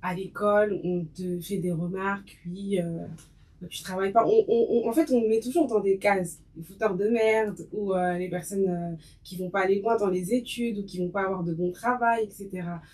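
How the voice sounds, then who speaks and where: A woman's voice: mid-range voice, steady tone, normal speed, darkish tone, far from the mic, low-quality recording. A woman in her twenties, a podcast guest, speaking frankly with many fillers. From France. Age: 20s. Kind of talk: conversational testimony.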